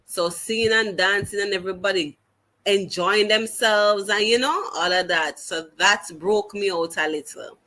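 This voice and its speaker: The recording is rough, carrying a woman's mid-range voice, pushed and bright. A teacher with a Jamaican accent, she tells her story as an interview guest in an earnest, halting way, restarting often and slipping into patois.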